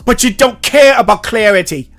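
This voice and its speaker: A man's voice: very high voice, vocal fry, faint music behind, voice pushed up, heavily acted. A man voicing a sneering, angry commenter in a put-on Australian accent, drawing out the words mockingly. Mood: mocking, indignant. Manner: drawn-out, mocking, shouty.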